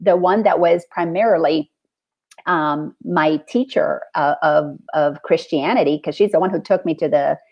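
A middle-aged woman from the Dominican Republic, hosting a spiritual conversation and telling her story with earnest, animated feeling. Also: sits low, normal speed, vocal fry, muffled recording.

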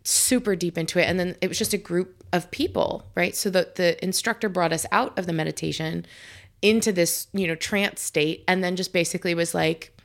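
A woman's voice: lowish voice, fairly even intonation, a little fast, gravelly. A woman hosting a podcast from her home kitchen, telling stories in a chatty way full of fillers and restarts. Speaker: podcast host. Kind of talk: casual chat.

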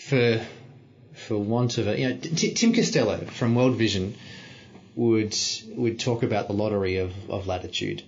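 A low-voiced man speaks as a podcast guest, telling stories in a thoughtful, searching way with plenty of fillers. The recording sounds a little dull and lo-fi. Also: moderate pace, darkish tone, a little hiss or hum. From Australia. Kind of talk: reflective storytelling.

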